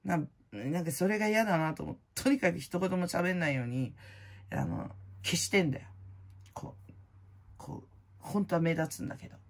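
Blunt, rambling woman with a gravelly low voice. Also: lively intonation, normal speed. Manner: rambling, blunt, slangy, many fillers; loud-voiced by her own account. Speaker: prize-winning vlogger host. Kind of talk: casual chat.

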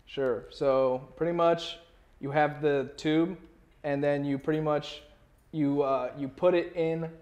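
This young man, a musician guest, speaks slowly in a fairly high, steady voice that's a little mellow, though the highs are cut off. His interview talk is casual, slangy and meandering, heavy on "like." He wears a clip-on lapel mic in a small furnished indoor room.

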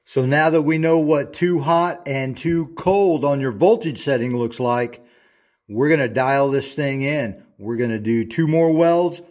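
A man in his thirties walks through a welding lesson at an unhurried pace, each step spelled out carefully. His voice sits at an ordinary middle pitch. He sounds like he is recording in his own auto shop on a camera mic. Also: darkish tone. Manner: slow, deliberate, instructive. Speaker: welding instructor. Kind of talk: step-by-step tutorial narration.

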